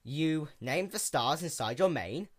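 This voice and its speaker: A man voicing a calm, regal elder-sister pony princess who rules gently, speaking in a measured, formal way. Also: fairly high pitch. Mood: composed.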